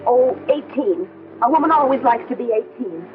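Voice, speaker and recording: A woman's voice: on the high side, expressive, moderate pace, lightly acted. A woman playing a teasing, encouraging helper in an old film, in casual dialogue. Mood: teasing, coaxing. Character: teasing, encouraging woman helping plan a surprise. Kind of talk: old film drama acting. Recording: tinny old film soundtrack, faint music.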